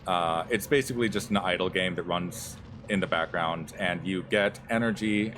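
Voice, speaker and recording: A man's voice: low voice, background noise. A young man giving casual gameplay commentary as a streamer, rambling with lots of fillers. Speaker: streamer playing a game. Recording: commentary over loud game music.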